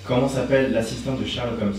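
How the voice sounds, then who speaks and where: A man's voice: mid-range voice, steady tone, quick pace, darkish tone. Male quiz question reader, scripted delivery, very reverberant recording with light music underneath. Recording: very echoey, distant, music behind.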